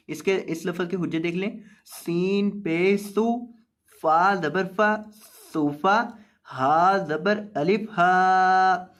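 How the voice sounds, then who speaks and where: A man teaching recitation word by word, explaining quickly and then drawing out each word slowly, closing with a melodic chanted recitation. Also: high voice, fairly bright tone. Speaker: Quran teacher.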